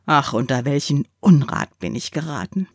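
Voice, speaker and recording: A woman's voice: sits low, animated, moderate pace, slightly rough, no echo, clean studio sound, exaggerated voice. Woman voicing a boastful wooden spinning top. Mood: sighing. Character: proud male mahogany spinning top, boastful suitor.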